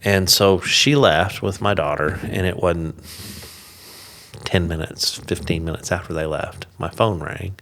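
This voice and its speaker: A middle-aged man telling a personal story as a podcast guest, animated at times and quiet and slow at the sad parts. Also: sits low, creaky, slight background noise. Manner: animated storyteller who drops quiet and slow when recounting loss.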